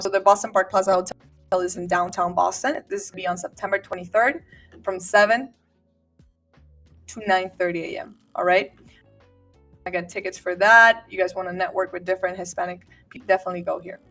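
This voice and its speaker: A woman's voice: medium pitch, fairly even intonation, normal speed, fairly bright tone, recorded from a distance, soft background music. A woman from Venezuela hosting a casual, upbeat talk with lots of fillers and restarts. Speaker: host.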